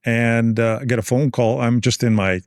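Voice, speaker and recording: Gravelly older man telling stories. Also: mid-range voice, normal speed, dry recording, studio quality. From Canada. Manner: animated anecdotes, acts out others' lines. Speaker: guest. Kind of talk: casual storytelling interview.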